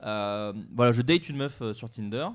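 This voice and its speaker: A man's voice: medium pitch, normal speed, smooth. A young man on a podcast, telling a dating anecdote in a rambling way with many fillers and restarts. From France. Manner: rambling storyteller, many fillers and self-corrections. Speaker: podcast co-host. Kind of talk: casual group chat, telling an anecdote.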